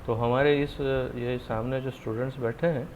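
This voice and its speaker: A man's voice: medium pitch, steady tone, moderate pace. A man teaching an online scripture class, firm and encouraging as he corrects and urges his students. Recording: muffled online call audio with faint noise.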